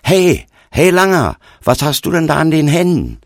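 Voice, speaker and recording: A man voicing a burly, hot-tempered young man who shouts loudly. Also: on the high side, very animated, normal speed, dry recording, studio quality, pitched above the performer's own voice. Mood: mocking.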